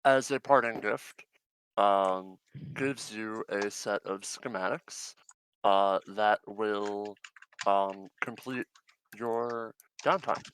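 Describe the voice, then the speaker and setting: A man's voice: on the low side, fairly bright tone, slight background noise, poor audio. A man narrating a tabletop game as game master, casual and hesitant with many fillers.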